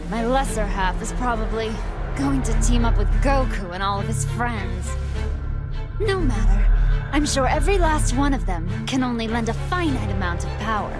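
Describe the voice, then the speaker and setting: Evil Android 21, high haughty villainess woman acting. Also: close to an everyday voice. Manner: cold, haughty, deliberate. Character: menacing, hungry evil female android. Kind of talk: video game cutscene acting.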